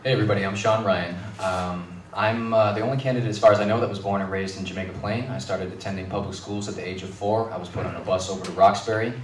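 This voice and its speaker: A man running for city council, introducing himself at a forum in a rapid, casual way. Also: on the low side, steady tone. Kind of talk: candidate forum answer. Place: school hall, heard from afar. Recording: echoey hall, distant mic, faint noise.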